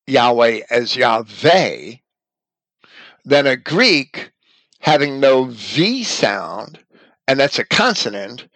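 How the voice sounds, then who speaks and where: A man giving a measured, deliberate lecture on scripture and language, now and then pausing to correct himself. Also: mid-range voice, a bit bright, no echo, rough recording.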